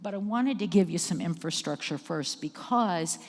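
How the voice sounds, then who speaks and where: A woman's voice: lowish voice, expressive, moderate pace, darkish tone. A middle-aged woman giving an educational presentation on caregiving, speaking conversationally to a live audience in a church hall. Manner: conversational, checks in with the audience and cues slides. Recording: long hall reverb.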